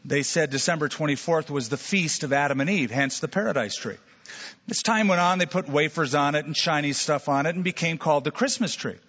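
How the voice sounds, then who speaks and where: Husky-voiced preacher in a reverberant hall. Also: male voice, a little high, a little fast, fairly bright tone, lo-fi sound. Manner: storytelling preacher, acts out imagined voices. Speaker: pastor. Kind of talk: sermon.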